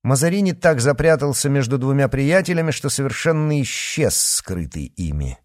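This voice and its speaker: A man narrating an adventure novel in an expressive, storytelling way. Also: mid-range voice, normal speed, no room sound, studio quality. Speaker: audiobook narrator. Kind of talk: scripted narration.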